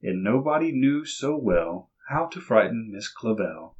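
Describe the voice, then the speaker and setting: Man, expressive picture-book reader, slow pace, slightly husky voice, dull lo-fi sound. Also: on the low side. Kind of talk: children's picture book read-aloud.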